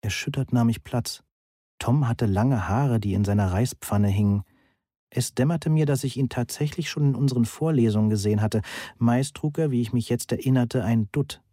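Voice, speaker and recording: Ein Mann liest ein Hörbuch in der Ich-Form, trocken und genau erzählt. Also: male voice, medium pitch, moderate pace, mellow, no echo, clean studio sound. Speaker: audiobook narrator. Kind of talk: first-person audiobook narration.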